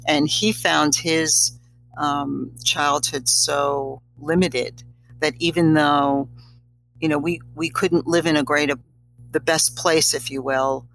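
An older woman with a hoarse, strained voice, talking conversationally as an interview guest. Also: low-pitched, steady tone, slow, a bit bright, rough recording. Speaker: podcast guest, college teacher.

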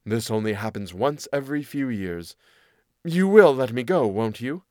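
A sly male cat from a fairy tale, voiced by a man. He talks smoothly and persuasively, cool and sure of himself, with lively rises and falls. The sound is dry. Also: medium pitch, normal speed, no room sound, close to an everyday voice. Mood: coaxing. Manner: persuasive, cool, self-assured.

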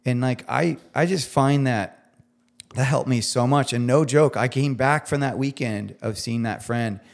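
Gravelly-voiced man, earnest podcast guest. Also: medium pitch. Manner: earnest, emphatic, speeds up and slows down for emphasis; heartfelt, gets teary. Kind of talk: casual conversational interview.

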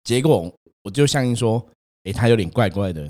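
A young man, hosting a casual chat and telling his own ghost story in an animated way, acting out the voices in it. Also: brisk. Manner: animated, acts out quotes, rises in pitch when scared.

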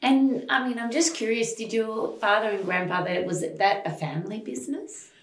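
A woman's voice: on the high side, normal speed, reverberant. A woman hosting a podcast interview, asking conversational questions. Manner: scripted intro then conversational questions. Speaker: podcast host.

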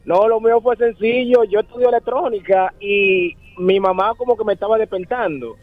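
Male caller, high voice, relaxed explainer, tinny phone line. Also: moderate pace. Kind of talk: telling an anecdote on a phone call.

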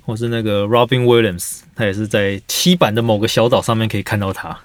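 A man's voice: lowish voice, fairly even intonation, brisk, no room sound. A man with a Taiwanese accent co-hosting a casual podcast, joking and teasing, speaking through a face mask. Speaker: podcast co-host.

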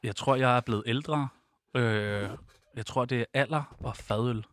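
A young man speaking Danish appears as a podcast guest, telling personal stories in an open, reflective way and often laughing. His voice is mid-range and a bit bright, with no echo.

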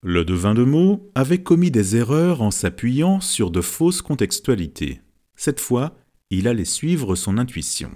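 Man with a lively reading voice. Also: mid-range voice, a little slow. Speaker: audiobook narrator. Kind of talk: scripted narration.

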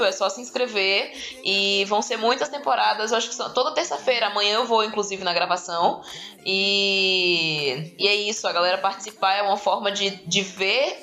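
A woman's voice: medium pitch, bright, forceful tone. A woman with a Brazilian Portuguese accent chatting informally and explaining things as an expert guest on a podcast. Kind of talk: casual podcast chat, explaining.

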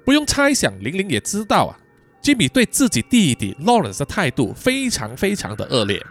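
A man's voice: high-pitched, faint music behind. A man narrating a podcast thriller story in a dramatic storytelling manner. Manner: lively, dramatic storytelling with drawn-out particles. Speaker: storyteller host.

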